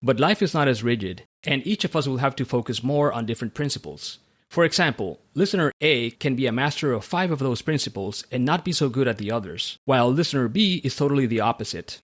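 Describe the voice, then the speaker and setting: A man hosts a podcast, reading his script in a steady, measured way. His voice sits at an ordinary middle pitch for a man. He moves calmly from his prepared remarks into questions for his guest. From Central America. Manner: measured, read-aloud delivery. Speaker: podcast host. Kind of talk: scripted podcast monologue and interview.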